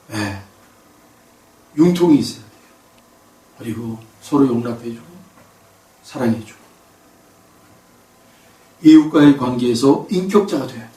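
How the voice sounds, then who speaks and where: A male pastor with a dark, mid-range voice preaches a sermon, emphatic and full of rhetorical questions, sometimes bursting into a raised voice. He's recorded from far off in an echoey church sanctuary.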